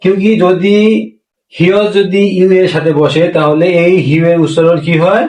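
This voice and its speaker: A man's voice: a little high, steady tone, normal speed, darkish tone, echoey room, recorded from a distance, low-quality recording. A man teaching a pronunciation lesson, asking and answering his own questions and repeating each point. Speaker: language teacher.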